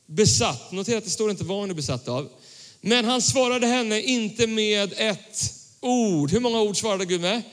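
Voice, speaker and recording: A young male pastor preaching a casual sermon, reading scripture and talking in a relaxed, slangy way to his congregation. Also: sits high. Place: church hall. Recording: church hall with long reverb.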